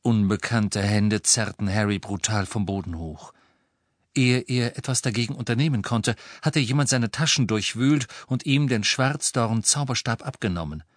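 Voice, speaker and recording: A man reading an audiobook as narrator, telling the story in a measured, dramatic way. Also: fairly low pitch, no room sound, clean studio sound. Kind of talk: scripted narration.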